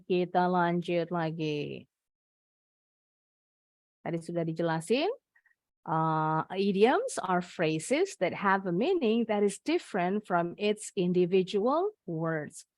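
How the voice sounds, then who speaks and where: A woman's voice: lowish voice, lively intonation, slow, long pauses, no echo, studio quality. A young woman teaching English online with an Indonesian accent, explaining patiently in a mix of Indonesian and English over a video call. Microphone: computer mic on a video call.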